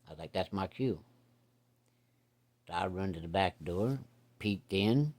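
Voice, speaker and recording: A middle-aged man with a fairly low voice spins a long yarn from his boyhood. He talks in plain, folksy country grammar, slipping into the voices of the people in his tale. His telling is easygoing and conversational. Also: animated, measured pace, darkish tone. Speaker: storyteller. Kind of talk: casual spoken storytelling.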